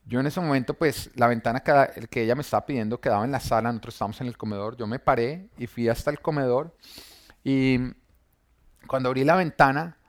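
A man's voice: mid-range voice, fast. A man earnestly telling his personal faith testimony, recounting scenes and quoting what people said. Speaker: church member giving testimony.

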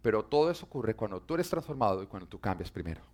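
A man preaching a sermon and telling humorous stories, speaking directly to his audience in a playful, animated way. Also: on the low side, fast talker.

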